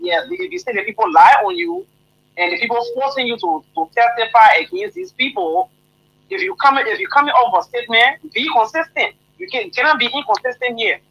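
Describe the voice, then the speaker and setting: Woman, radio caller, husky, high, muffled phone line, earnest, repeats herself. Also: fairly bright tone. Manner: earnest, repetitive, stumbling. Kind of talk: phone-in opinion.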